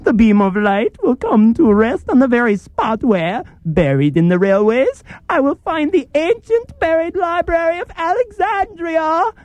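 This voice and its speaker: Comedy audio villain: high, swooping, gloating swami, grandiose and pompous. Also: male voice, very animated, a little slow, hardly any pauses, darkish tone, no echo, muffled recording, full character voice. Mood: grandiose, scheming. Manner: pompous, theatrical.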